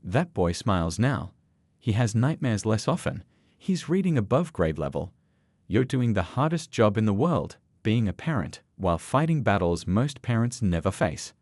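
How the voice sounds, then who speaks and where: A man's voice: lowish voice, sing-song, moderate pace, darkish tone, dry recording. A man voicing a firm, supportive woman friend in a storybook narration. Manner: firm, encouraging.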